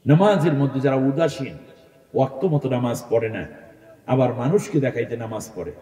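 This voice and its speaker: A man preaches an Islamic sermon to a large gathering. He swings between loud exhortation and low asides. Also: moderate pace. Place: large open-air religious gathering. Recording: echoey hall sound from far off.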